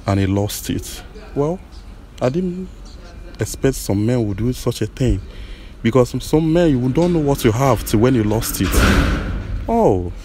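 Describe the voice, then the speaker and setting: A man, gently consoling a woman on a blind date, halting and repeating his apologies. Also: mid-range voice, a little hiss or hum. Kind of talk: emotional unscripted conversation.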